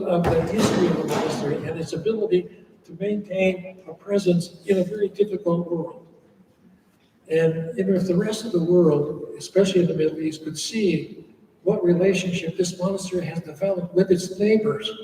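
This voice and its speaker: An older monk from the United States, high-pitched and warm, talks informally to an audience in a church hall. He is chatty and spins stories with humorous asides. The echoey hall places his voice far off, and there is a little hiss or hum.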